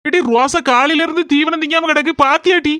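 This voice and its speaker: A woman's voice: sits high, fast, a bit bright, slight background noise. A woman voicing a blunt, scolding middle-aged village husband in a cartoon, with a southern Tamil Nadu village dialect. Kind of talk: cartoon voice acting.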